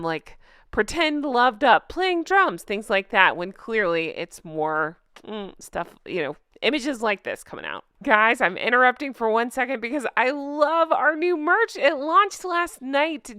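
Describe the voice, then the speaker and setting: A woman hosting an online recap show with animated, casual, sarcastic and gossipy chatty commentary. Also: mid-range voice, smooth, dry recording, clean studio sound. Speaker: YouTube recap show host.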